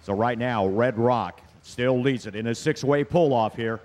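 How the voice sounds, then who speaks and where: A man's voice: mid-range voice, unhurried, a little mellow. A man announcing a tractor pull live in a folksy, colloquial way. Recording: echoing PA with engine noise.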